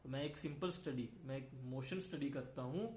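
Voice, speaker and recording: This physics lecture comes from a man with a mid-range, slightly mellow voice at a moderate pace, recorded in an echoey room with a little background noise. Switching between Hindi and English, he explains step by step and keeps asking "है ना".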